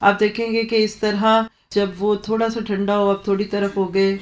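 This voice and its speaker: A woman's voice: medium pitch, flat delivery. A woman giving a parenting talk, explaining with homely examples and mixing in English phrases. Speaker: parenting speaker.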